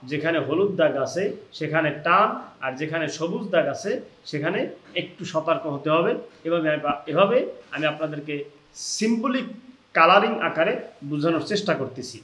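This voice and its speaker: High-pitched male teacher, slow drawn-out sound demonstrations, roomy reverb. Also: a bit bright. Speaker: Quran recitation teacher. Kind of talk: step-by-step pronunciation lesson. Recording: echoey room.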